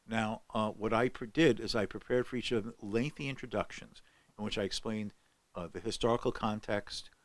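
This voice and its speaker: Speaking at a normal speed in a steady, lowish voice, an older man appears as a guest scholar on a podcast. He tells a long story with many fillers and restarts, and there's no echo.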